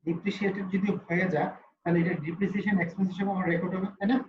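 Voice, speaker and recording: Fast-talking teacher quizzing his class. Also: high-pitched, level tone, a little hiss or hum. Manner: quizzes students, answers own questions. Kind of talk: online class, question-and-answer teaching. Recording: roomy, slightly dull call audio with faint ambience.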